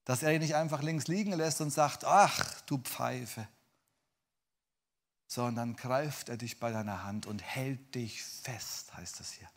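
A man preaching a sermon, addressing listeners directly and swinging from loud dramatic bursts to hushed, near-whispered lines. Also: mid-range voice, normal speed, few pauses.

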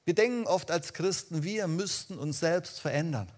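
Animated man preaching to a congregation. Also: fairly high pitch, moderate pace. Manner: animated, addresses listeners directly, swings loud and soft. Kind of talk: lively sermon.

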